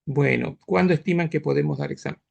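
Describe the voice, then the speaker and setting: A man's voice: fairly high pitch, fast talker, vocal fry. A man teaching medicine in an online class, explaining step by step and often asking his students if they follow. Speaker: medical lecturer.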